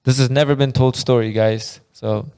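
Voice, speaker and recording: A man's voice: mid-range voice, steady tone, moderate pace, darkish tone, clean tone, no room sound. A man in his twenties, from Afghanistan, co-hosting a podcast in casual chat, laughing often and telling stories in loose slang. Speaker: podcast co-host.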